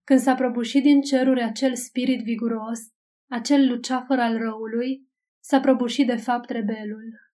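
A woman reading a classic novel aloud as an audiobook narrator, in a measured, even storytelling manner. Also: a little high. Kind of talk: scripted literary narration.

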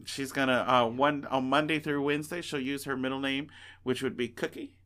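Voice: medium pitch, fairly even intonation, a little fast, a bit bright, smooth. A podcast co-host in casual chat, rambling through stories with playful teasing.

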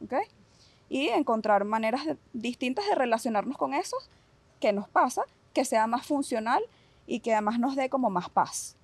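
Venezuelan woman psychologist, higher voice, dry close sound, patient explanatory tone that keeps asking "ok?". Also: moderate pace, no echo. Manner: calm, explanatory, checks in with "¿ok?". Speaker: psychologist guest. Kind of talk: explaining in a casual podcast conversation.

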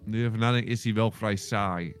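A man co-hosting a casual podcast chat, excitable and exaggerated, repeating himself for effect. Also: fairly low pitch, brisk, smooth, soft background music. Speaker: podcast co-host.

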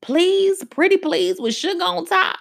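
A woman's voice: very high voice, sing-song, unhurried, vocal fry, a bit bright, voice pushed up, full character voice. A woman voicing Jesus as an adult man, begging his father in rising, pleading tones.

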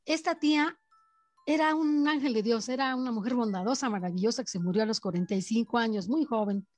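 A woman, a guest casually telling of spirit visits in an animated way, often turning to her listener. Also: fairly high pitch, brisk, soft background music. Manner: animated, keeps asking the listener to imagine. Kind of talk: casual storytelling.

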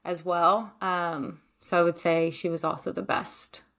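A woman's voice: on the low side, level tone, a little slow, fairly bright tone. Chatty young woman, lots of likes. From Maryland. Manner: chatty, many likes and ums, laughs often. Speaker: podcast guest, former goalkeeper. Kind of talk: casual interview answers.

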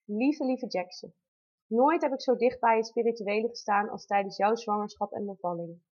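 A woman's voice: on the high side, moderate pace, a little mellow. A woman in her thirties reading aloud a heartfelt personal letter about giving birth, in an intimate, tender way. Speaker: mother telling her birth story. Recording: dull lo-fi recording.

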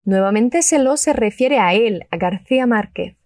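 A woman teaching a Spanish lesson, upbeat and enthusiastic, saying model phrases slowly and clearly for learners to repeat. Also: mid-range voice, expressive, darkish tone, dry recording, clean studio sound. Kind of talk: language lesson with repeat-after-me drills.

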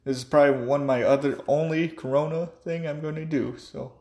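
A tipsy man rambling offhand in a casual vlog monologue, swinging between loud bursts and mumbles. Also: on the high side, fairly even intonation, a little fast, echoey room. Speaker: vlogger.

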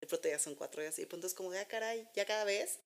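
A woman's voice: fairly low pitch, very fast. A woman with a Mexican accent chatting casually and giving encouraging advice. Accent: Mexican Spanish. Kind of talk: casual chat.

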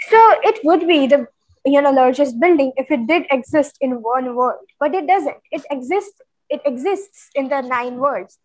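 A woman co-hosting a casual book discussion, retelling chapters in an animated, stuttering way with frequent laughs. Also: sits high, unhurried, no room sound, low-quality recording. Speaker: book club co-host.

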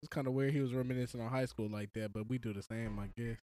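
A man's voice: medium pitch, steady tone, fast talker, warm tone. A man co-hosting a podcast in casual joking chat, teasing and laughing as he tells stories. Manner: laughing, teasing, loose storytelling. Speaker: podcast co-host.

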